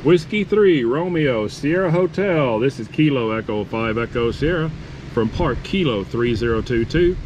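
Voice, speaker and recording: This man is a polite ham radio operator working from a campsite table outside, making contest-style calls and spelling call signs phonetically, over and over. His voice is mid-range at a normal speed, captured by a camera set next to the radio, with steady, clear background noise from outdoors.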